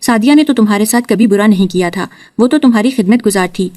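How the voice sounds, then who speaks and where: A woman's voice: medium pitch, lightly acted. Woman voicing a grieving grown son. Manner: quiet, pained.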